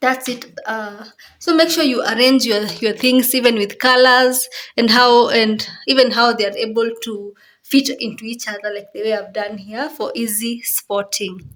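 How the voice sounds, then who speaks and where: A woman's voice: on the high side, steady tone, moderate pace, fairly bright tone. A woman vlogger with a Kenyan accent, casually explaining things step by step and repeating her phrases as she goes. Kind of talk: casual home tour explanation.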